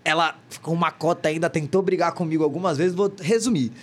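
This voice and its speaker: A man's voice: on the high side, quick pace. A man from northern Brazil, a guest singer, telling a story in casual podcast chat, full of slang and quoted dialogue. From Porto Velho, Rondônia, Brazil.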